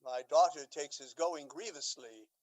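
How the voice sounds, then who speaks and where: In a stately, theatrical Shakespearean radio drama, a woman plays a scheming, pompous older Duke. Her voice sits low and a little mellow, with a measured pace and a confiding tone.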